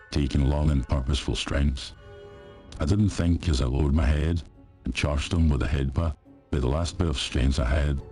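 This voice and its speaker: A man narrating a first-person horror story in a steady, measured way. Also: a bass voice.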